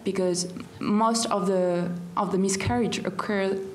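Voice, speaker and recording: A woman in her thirties, a researcher, answering an audience question on a conference panel, careful and a little halting, at a table microphone. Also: medium pitch, steady tone. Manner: careful, slightly halting, with restarts.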